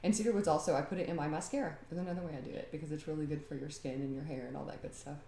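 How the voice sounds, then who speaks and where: A woman with a deep, warm, creaky voice rattles along rapid-fire with fairly even intonation while demonstrating a homemade recipe at home. A talkative, rambling DIY vlogger who laughs often, she's recorded in a roomy space with a little hiss or hum.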